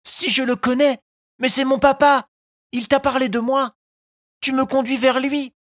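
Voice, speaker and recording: A woman voicing Pinocchio, an emotional, impulsive young wooden puppet boy, with high, pleading cries in a storybook reading. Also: fairly even intonation, measured pace, dry recording, studio quality. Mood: eager.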